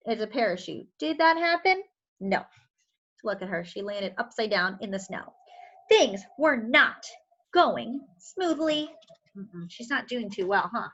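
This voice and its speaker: A woman storyteller reads a picture book aloud to young children, expressive and explanatory, slipping in questioning asides. Her voice is fairly high, and the recording has its highs cut off.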